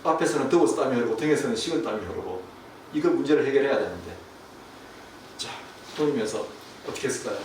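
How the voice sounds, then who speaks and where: A man, a pastor, preaching a sermon and telling a story, falling to a hush and then rising again. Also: mid-range voice, lively intonation, fast talker, pauses often. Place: church sanctuary. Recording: distant, echoey room with faint hiss.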